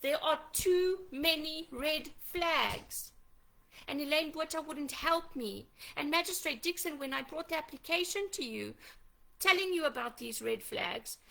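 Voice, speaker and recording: A woman's voice: high-pitched, creaky, sharp tone. A woman making an impassioned, accusatory appeal as a mother, firing off pleading questions. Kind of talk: impassioned direct-to-camera appeal.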